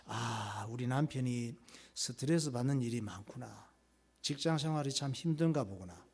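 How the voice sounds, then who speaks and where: A man voicing a gentle wife who tenderly reassures her stressed husband. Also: mid-range voice, moderate pace, husky, voice pushed down.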